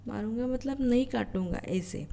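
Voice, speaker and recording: A woman's voice: on the high side, normal speed, gravelly, dark tone. A woman teacher explaining a school reading lesson word by word, often checking in with a questioning hum, recorded on a phone. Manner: explains words, keeps asking "hmm?".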